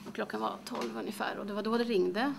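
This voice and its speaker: An actress playing a middle-aged grieving mother, speaking haltingly with many pauses in a dramatic monologue. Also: mid-range voice, fairly even intonation, vocal fry, background noise. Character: grieving mother, middle-aged, recalling her daughter's death.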